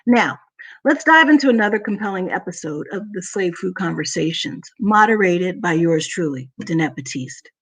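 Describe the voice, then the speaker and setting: A woman moderator reading a formal, measured introduction of a guest. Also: fairly low pitch, lively intonation, fairly bright tone, breathy edge. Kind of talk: scripted introduction.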